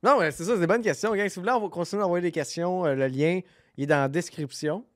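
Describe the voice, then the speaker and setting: A man's voice: high voice, fast talker, no echo, clean studio sound. A man with a Québécois accent hosting a podcast, joking and teasing in loose chat. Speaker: podcast host. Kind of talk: casual chat.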